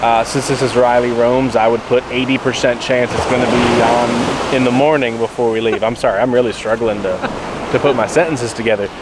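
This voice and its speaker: A man's voice: mid-range voice, steady tone, fairly quick. A man in his thirties hosting a travel vlog, chatting in a rambling, self-deprecating way while sounding tired, filmed on a phone at arm's length on a beach. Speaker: travel vlogger host. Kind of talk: casual travel vlog chat. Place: outdoors on a beach by the surf. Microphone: phone selfie at arm's length. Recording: loud wind and surf noise.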